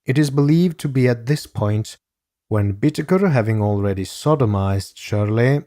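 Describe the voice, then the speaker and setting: A man narrates in a grave, measured way, his voice low-pitched and his pace very slow and deliberate. The sound is dry and close, with no room around it. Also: a little mellow, dry recording. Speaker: podcast host. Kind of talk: scripted true-crime narration.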